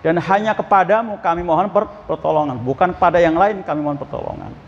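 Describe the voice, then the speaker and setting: A man teaching Quran exegesis at a mosque, questioning his listeners and reciting Arabic verses slowly. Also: high voice, a little hiss or hum. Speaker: ustadz giving Quran exegesis. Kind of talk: mosque study sermon. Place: mosque hall. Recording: muffled, echoey mosque hall.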